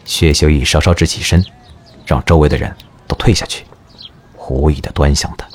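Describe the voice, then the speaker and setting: A man narrating an audio drama in an expressive storytelling manner. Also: a bass voice, normal speed, slight background noise.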